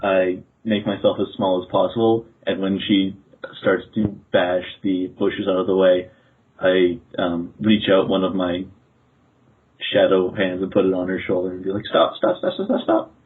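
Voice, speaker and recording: Man, tabletop player, low husky voice, stammering, phone-like audio. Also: flat delivery. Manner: slow, stammering. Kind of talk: playing a tabletop storytelling game. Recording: tinny phone-like podcast audio.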